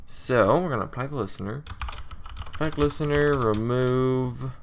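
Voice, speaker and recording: A drowsy young man talking through his code as he writes it, halting and correcting himself, with keyboard typing behind him. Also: medium pitch, a little hiss or hum. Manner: thinks aloud, self-correcting, halting with many pauses. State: drowsy, just woke from a nap. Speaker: game developer coding tutorial host. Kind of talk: casual screen-recorded coding commentary.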